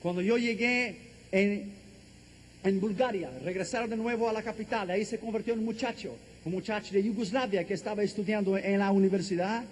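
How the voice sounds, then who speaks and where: High-voiced impassioned male preacher. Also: steady tone, a little fast, slight background noise. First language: Portuguese. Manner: impassioned, building to shouted preaching. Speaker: evangelist. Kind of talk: testimony sermon.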